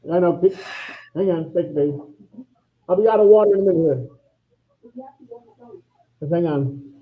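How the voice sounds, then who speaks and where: A man's voice: fairly high pitch, normal speed. A man calling in to a livestream whose voice comes through garbled and gurgling, as if underwater, talking casually and asking the host to hang on. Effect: garbled, gurgling underwater-sounding call audio. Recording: tinny, garbled phone-line call.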